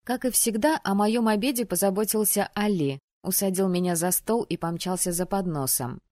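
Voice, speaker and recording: A woman's voice: mid-range voice, dry recording, studio quality. Woman narrating a fantasy audiobook. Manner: even, measured storytelling.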